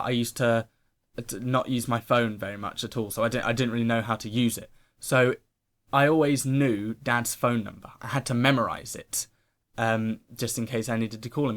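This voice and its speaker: Excitable man telling a story. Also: mid-range voice. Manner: excitable, animated storytelling with exclamations. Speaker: vlogger telling a personal story. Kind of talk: casual storytime monologue.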